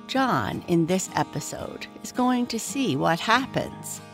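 A woman hosting and narrating bedtime stories for children, gently and unhurriedly, as if tucking them in for the night. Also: medium pitch, lively intonation, slow, soft background music. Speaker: host and narrator of a children's bedtime story podcast. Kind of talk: slow bedtime storytelling.

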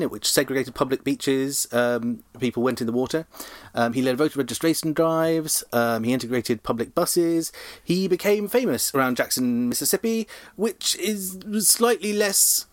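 A man co-hosting a podcast, reading out history facts in a relaxed way with dry jokes and many ums. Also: mid-range voice, no room sound. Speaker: podcast co-host.

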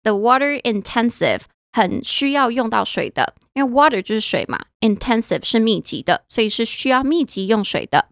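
A woman's voice: fairly high pitch, very animated, moderate pace, hardly any pauses, fairly bright tone, dry recording, clean studio sound. A woman with a Taiwanese Mandarin accent co-hosting a casual bilingual podcast lesson, translating phrases piece by piece with playful banter. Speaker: podcast co-host teaching English. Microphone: studio microphone with headphones.

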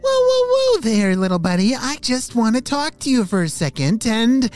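A man putting on a high, sly voice for a smooth-talking predatory jaguar in a children's story podcast, teasing and falsely friendly. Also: sing-song, moderate pace, soft background music.

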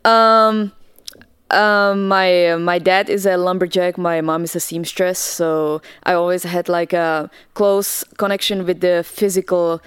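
A woman's voice: lowish voice, steady tone, measured pace, clear, resonant tone, no room sound, clean studio sound. A young woman from the Republic, a dancer telling her story in a friendly, hesitant way as a podcast guest. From Czech Republic. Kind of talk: casual podcast interview.

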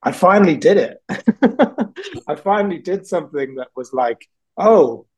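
A man's voice: high-pitched, big pitch swings, a little slow, slightly rough, poor audio. A man from South Wales, a guest artist in a casual interview, talking thoughtfully and rambling a little, with frequent ums and laughs.

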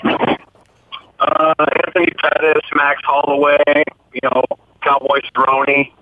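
Guy calling in on a phone line so garbled he sounds underwater, dull muffled sound, quick polite answers. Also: fairly high pitch, little pitch movement, no echo. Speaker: guest fighter on the phone.

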